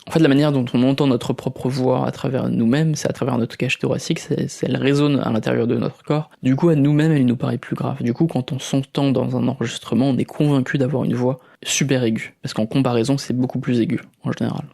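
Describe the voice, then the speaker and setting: A podcast host with a French accent gives casual voice coaching, explaining tips and demonstrating vocal techniques with frequent fillers and restarts. His gravelly, dark-toned voice is medium in pitch and steady, moving fairly quickly with few pauses.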